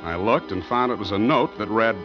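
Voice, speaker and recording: A man's voice: on the low side, lively intonation, brisk, lightly acted. A man playing a wry, hard-boiled private eye. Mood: dry. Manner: dry, wisecracking. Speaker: narrator and lead. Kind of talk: 1940s radio acting. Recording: dull old radio recording with music.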